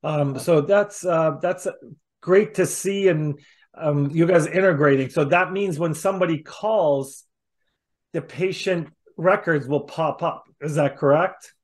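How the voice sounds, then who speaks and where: A middle-aged host conducts a casual video-call interview from an indoor room, his voice on the high side and a little slow. The sound comes through a video call microphone.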